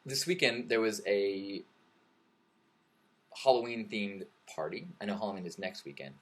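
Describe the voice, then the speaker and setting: A man's voice: on the low side, moderate pace. A man hosting a live webcam stream, chatting casually in a rambling, joking way, often restarting his sentences. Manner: rambling, joking, self-correcting. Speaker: livestream host. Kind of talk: casual livestream chat.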